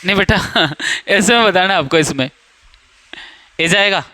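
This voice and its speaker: Young male coaching-class teacher, high clear voice, playful and teasing with students, dry classroom sound. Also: a little slow, bright, forceful tone, dry recording. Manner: joking, teasing students, quizzing them by name. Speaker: English teacher. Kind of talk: classroom grammar lesson.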